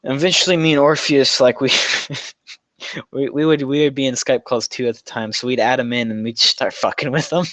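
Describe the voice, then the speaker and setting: A man's voice: medium pitch, steady tone, fairly quick, a bit bright, dry recording. Young man rambling on a livestream. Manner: rambling, profane, laughs through stories. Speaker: livestream host answering chat questions. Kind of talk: casual livestream chat.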